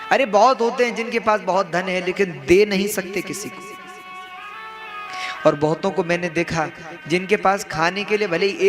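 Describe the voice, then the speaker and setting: A young male preacher with a fairly high voice tells a devotional story, posing rhetorical questions to his audience. Instrumental devotional music hums clearly under his words. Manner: rhetorical questions, addresses listeners as bhaiya. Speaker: kathavachak (religious storyteller). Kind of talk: devotional katha sermon. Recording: music in the background.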